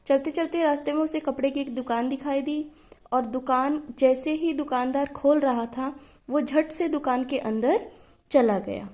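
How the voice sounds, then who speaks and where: A woman narrates a children's story in a high voice. Her telling is simple and friendly, aimed at young listeners. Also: darkish tone.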